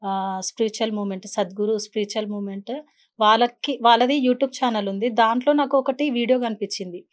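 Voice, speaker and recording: Woman guest, earnest storyteller, quick and a touch high. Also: steady tone. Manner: earnest, telling a personal story with quoted speech. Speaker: guest, beautician and meditation teacher. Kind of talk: podcast interview, personal story.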